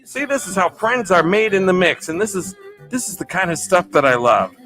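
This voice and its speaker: Upbeat high-voiced man hosting a livestream. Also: expressive, a little fast, bright, forceful tone, faint music behind. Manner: upbeat, chatty, laughs often, thanks viewers effusively. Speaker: livestream host. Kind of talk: casual live-stream chat, reading comments.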